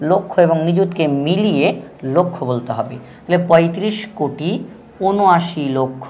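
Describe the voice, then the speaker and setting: A woman from Bangladesh giving a math lesson, explaining patiently and step by step and repeating each rule. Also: lowish voice. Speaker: math teacher.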